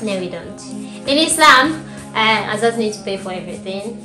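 A Rwandan woman in her twenties co-hosts a video, chatting casually with her husband on their living room sofa. Her medium-pitched voice has lively intonation at normal speed, and she laughs often and trails off quietly. The recording is roomy, with background music.

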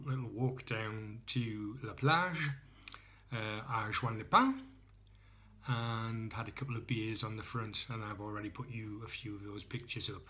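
Here the English beer reviewer sounds fairly low-pitched and a bit bright as he rambles casually through a tasting. The clip is a handheld phone video shot indoors, and his manner is chatty and self-mocking.

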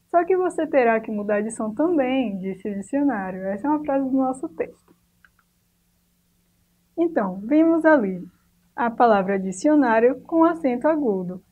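A fairly high-voiced woman teaches a recorded lesson for young pupils. She speaks patiently, slowing down to draw out each example word, then checking in with the class. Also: phone-quality sound. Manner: patient, stretches out example words slowly. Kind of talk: recorded online class for children.

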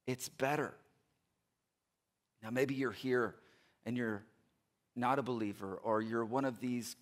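Middle-aged pastor, headset mic, earnest sermon delivery, repeats phrases, swings between loud and soft. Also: male voice, a little high. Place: large church stage indoors.

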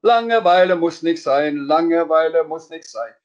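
A man voicing the Sams, a cheeky childlike creature who speaks in rhymes, in a high sing-song voice. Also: lively intonation, a little slow, dull audio. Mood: singend reimend. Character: frecher, kindlicher Sams, reimt ständig.

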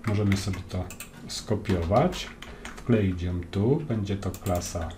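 A man's voice: deep voice, slow pace, background noise. A man with a Polish accent narrating a screen-recorded coding tutorial, explaining step by step with frequent hesitant "e" fillers. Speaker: programming tutor.

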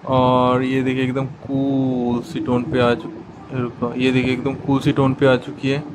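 A man's voice: mid-range voice, completely flat delivery, measured pace, noisy background. A man giving a casual how-to product demo, chatty and explanatory, talking straight to his viewers. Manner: chatty and explanatory, often addresses the viewers as guys. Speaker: product reviewer.

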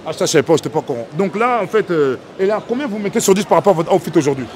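A young man runs a street interview under a covered plaza outdoors, his voice high and his talk quick. He teases the people he stops and keeps pressing them for an answer, speaking into a handheld mic. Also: expressive, darkish tone. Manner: teasing, pushes for answers. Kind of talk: street vox pop interview.

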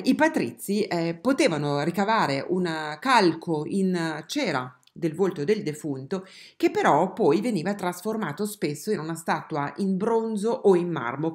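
Low-voiced woman teaching art history. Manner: hesitant, many fillers and restarts; addresses viewers directly. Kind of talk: online art history lesson.

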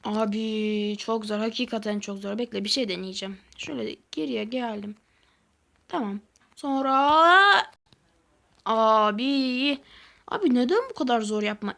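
A woman giving excitable, easily frustrated let's-play commentary as a gaming channel host, talking to herself while she plays. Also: on the high side, measured pace, vocal fry.

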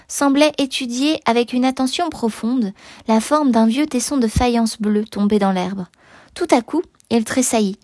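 A woman narrating a classic novel in a measured, expressive reading that sometimes sinks to a near whisper. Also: on the high side, no room sound, studio quality. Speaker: audiobook narrator.

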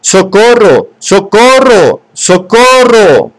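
A man reading an audiobook, voicing a timid young man who cries out in shrill panic. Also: big pitch swings, slow, no echo. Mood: panicked shouting.

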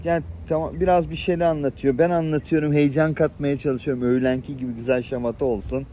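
Mellow-voiced man telling lively anecdotes. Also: fairly high pitch, quick pace, slight background noise. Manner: lively anecdotal storytelling, chuckles and acts out voices. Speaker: channel host. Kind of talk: personal storytelling to camera. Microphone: camera-facing, showing viewers things on screen.

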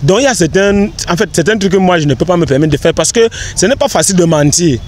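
A man's voice: sits high, lively intonation, quick pace, a little mellow. A young man, answering questions on a park bench in an earnest, rambling way with many restarts. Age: young adult. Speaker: interviewee, content creator. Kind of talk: casual outdoor interview. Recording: faint outdoor street noise.

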